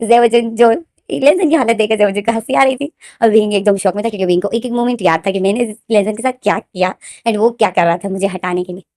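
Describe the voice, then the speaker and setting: A woman's voice: fairly high pitch, darkish tone, no room sound. A woman casually retelling a fan story in a chatty, rambling way, repeating names often, close to the mic.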